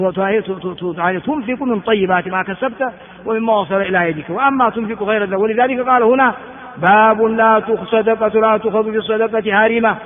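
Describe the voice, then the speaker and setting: A man giving a classroom lecture explaining hadith, asking his listeners rhetorical questions as he teaches. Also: high-pitched. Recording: tinny phone-like recording in a hall.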